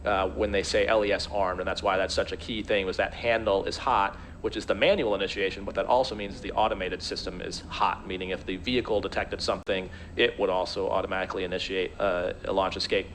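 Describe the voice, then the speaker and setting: A man's voice: deep voice, fairly even intonation, fast, hardly any pauses, a bit bright. A man giving live expert commentary in a conversational, explanatory way. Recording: faint background noise.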